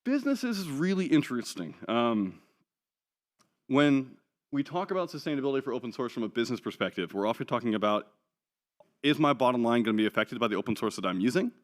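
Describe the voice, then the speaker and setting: A conference speaker's mid-range voice swings widely in pitch as he talks at a quick pace. Working from slides in a conference hall, the New Zealand-accented man is casual and talkative, with wry jokes and frequent ums.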